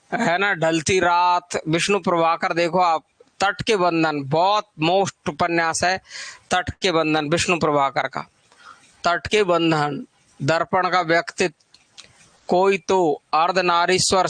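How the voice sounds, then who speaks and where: A man with a high voice teaches a live online Hindi literature exam-prep class. He keeps the tone chatty, repeating lists of titles and teasing students by name as he goes. The recording is dry and close, with no room sound. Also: fairly bright tone, no room sound.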